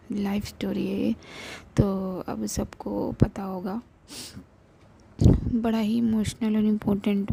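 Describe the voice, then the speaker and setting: A young woman with a cold and flu, narrating a story in a soft, often half-whispered voice and mixing English into her Hindi. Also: mid-range voice, vocal fry, background noise. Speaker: storyteller and channel host.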